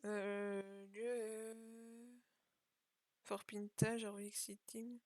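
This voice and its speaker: A woman's voice: mid-range voice, level tone, extremely slow, a little mellow, no echo. A young woman chatting casually as she plays and comments on a video game, thinking aloud and joking at herself. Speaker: gaming video creator.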